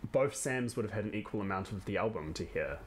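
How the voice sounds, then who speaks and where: A man co-hosting a podcast, talking over film details in a thoughtful, measured way and often answering with short agreements. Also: on the low side, lively intonation, slight background noise. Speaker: podcast co-host. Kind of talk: casual film discussion.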